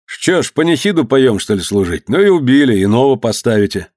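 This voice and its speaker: A man reading aloud, voicing a boastful, hot-tempered rich merchant in a loud, scornful way. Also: medium pitch, big pitch swings, a little fast, no room sound, clean studio sound. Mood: mocking. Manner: loud, scornful tavern talk.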